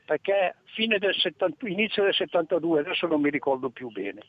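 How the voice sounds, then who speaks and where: A man's voice: fairly high pitch, expressive, no echo. Older man calling in over a tinny phone line. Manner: halting, full of restarts, anecdotal. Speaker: radio show caller.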